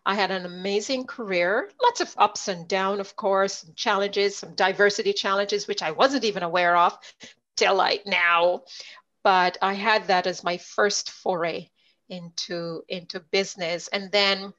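Animated woman telling a story. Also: mid-range voice, measured pace. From Jamaica. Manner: animated storyteller, voices others in quotes. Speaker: leadership coach. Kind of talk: conversational interview storytelling. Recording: dull lo-fi audio.

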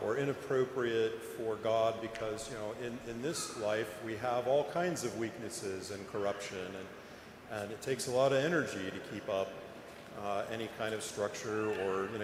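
Echoing church sermon from a man. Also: lowish voice. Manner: conversational, hesitant, pausing often. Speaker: preacher giving a parish sermon. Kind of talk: informal explanatory sermon. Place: large echoing church interior. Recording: echoey reverberant church, noticeable background noise.

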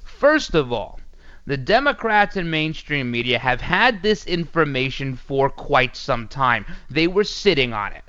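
A man's voice: medium pitch, sing-song, measured pace, sharp tone, clean tone, muffled recording. A man hosting a talk show with blunt, emphatic, conversational political commentary. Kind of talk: casual opinionated political commentary.

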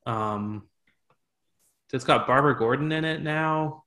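A man hosting a loose podcast chat at an ordinary middle pitch. He talks in a relaxed way and often lets his sentences trail off into quiet mumbles. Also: takes it slowly. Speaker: podcast host. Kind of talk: casual chat.

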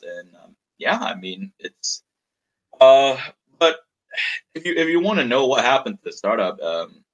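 On a low-quality recording, a Malaysian man in his thirties with a fairly low, fairly bright voice tells his startup story in an interview. He's frank and a bit rambling, repeating words while thinking.

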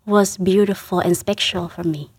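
A woman from Vietnam, a Vietnamese native speaker with a Vietnamese accent, speaks as a religious sister in an interview, gently and earnestly, with frequent restarts and soft laughs. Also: mid-range voice, fairly even intonation, moderate pace, husky, dry recording, studio quality. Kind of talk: emotional personal reflection.

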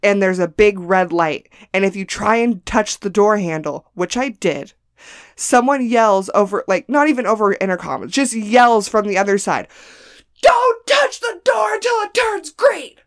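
A woman comedian from the United States co-hosting a podcast, telling stories in a casual, animated way and acting out the people she quotes. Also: medium pitch, normal speed, clear, resonant tone, dry recording, studio quality. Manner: animated storyteller, acts out quotes. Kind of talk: casual chat.

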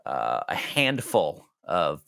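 A man's voice: a bass voice, wildly swooping pitch, slow pace, vocal fry, sharp tone, smooth, no room sound, studio quality. A man narrating a tabletop game as game master, casual and laughing often.

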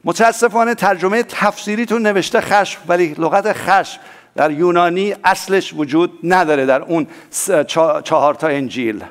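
A man preaching a sermon as pastor, swinging between loud emphatic lines and soft low asides, and calling on the congregation to respond.

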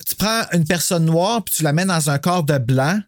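Blunt, swearing Quebec French man, higher voice. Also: lively intonation, normal speed, no echo, studio quality. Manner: blunt, swears freely, joking. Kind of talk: casual film discussion.

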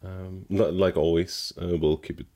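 A man's voice: deep voice, flat delivery, moderate pace, dark tone. A man co-hosting a podcast in casual chat, playful and joking, recorded at home. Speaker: podcast co-host. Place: home in the Netherlands.

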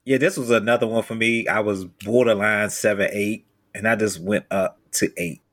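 Low-voiced man chatting on a podcast. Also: fairly even intonation, normal speed, a bit bright. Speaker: podcast panelist. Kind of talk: casual podcast discussion.

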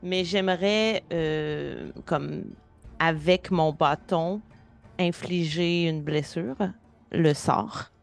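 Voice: mid-range voice, fairly even intonation, extremely slow, creaky, soft background music. A player, thinking aloud and describing their attack in a tabletop game. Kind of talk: casual tabletop play.

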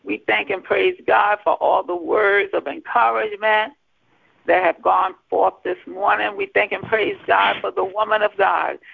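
A woman's voice: medium pitch, creaky, dry recording. A woman minister leading a fervent spoken prayer with urgent, repeated phrases, heard over a landline phone. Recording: narrow tinny phone line.

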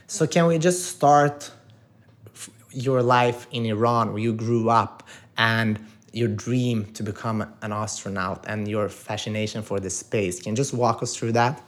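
A man's voice: on the low side, fairly even intonation, a little slow. A man hosting a podcast, introducing his guest and asking questions with eager admiration. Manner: enthusiastic, admiring. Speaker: podcast host. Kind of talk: interview hosting.

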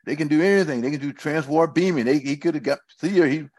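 A man's voice: a little high, fast talker, darkish tone, no room sound. A man co-hosting a casual chat, rambling and repeating himself, with loose grammar.

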